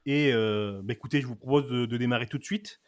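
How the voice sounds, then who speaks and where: A man's voice: medium pitch, fairly quick. A man hosting a casual film and series podcast, playful and theatrical as he introduces his guests. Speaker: podcast host. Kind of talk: casual chat.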